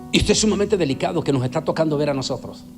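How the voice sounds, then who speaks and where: A man's voice: a little high, animated, racing, darkish tone, faint music behind. A man preaching as an evangelist, emphatic and repeating words for stress. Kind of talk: preaching sermon.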